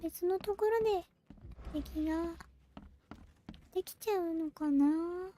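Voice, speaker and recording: A woman giving casual game commentary, musing aloud in short, soft phrases. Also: very high-pitched, moderate pace, slight background noise. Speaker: game streamer.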